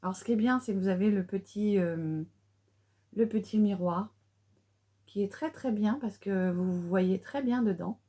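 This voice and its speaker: A woman's voice: mid-range voice, normal speed, mellow. A middle-aged woman chatting through a casual makeup tutorial, with many fillers and restarts. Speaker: beauty vlogger.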